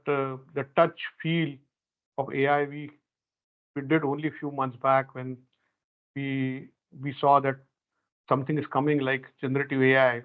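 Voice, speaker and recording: Male discussion moderator, Indian accent, mid-pitched, halting semi-formal delivery, narrow phone-line audio. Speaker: panel moderator. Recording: tinny, phone-like call audio.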